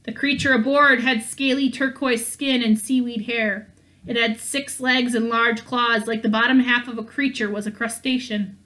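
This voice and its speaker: A woman reading a fantasy novel aloud in a steady storytelling way. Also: a little high. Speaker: audiobook reader.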